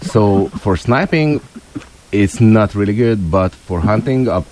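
A man from Hungary with a Hungarian accent, a firearms expert guest on a call-in show, speaking halting English and searching for words. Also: fairly low pitch, lively intonation, a little mellow, a little hiss or hum.

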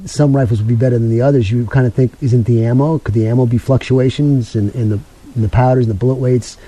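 A man hosting a call-in radio show, talking in a quick, chatty, rambling way and taking callers. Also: medium pitch, fairly even intonation, warm tone.

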